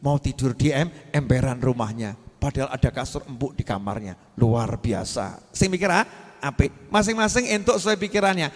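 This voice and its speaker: A man's voice: medium pitch, animated, moderate pace, in a large hall. A man with a Javanese-tinged Indonesian accent preaching a humorous sermon, teasing his listeners and slipping into Javanese phrases. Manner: playful, teasing the audience, drops into Javanese phrases.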